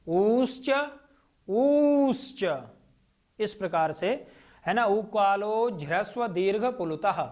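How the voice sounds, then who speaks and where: A male teacher with a Hindi accent gives a classroom lecture, drawing out each vowel sound and answering his own questions. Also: high voice. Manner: asks questions and answers them himself.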